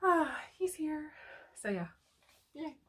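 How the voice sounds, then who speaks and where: This woman's high-pitched voice is very animated yet slow, with a fairly bright tone. As co-host of a laid-back couple chat channel, she talks through a lingering cough with a cough drop in her mouth, laughing often and restarting what she says.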